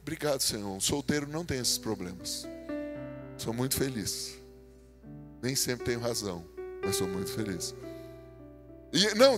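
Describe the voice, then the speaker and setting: A man with a Brazilian Portuguese accent preaching a humorous sermon, telling stories and acting out dialogue, swinging between loud bursts and quiet asides. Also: fairly high pitch. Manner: animated, jokey, acts out dialogue, swings from loud to soft.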